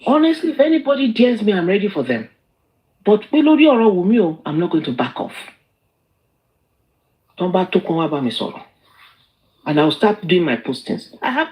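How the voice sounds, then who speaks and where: A woman's voice: on the low side, highs cut off. A woman with a Yoruba Nigerian accent hosting a live stream, talking in an emphatic and defiant way as she moves between English and Yoruba. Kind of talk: heated live-stream chat.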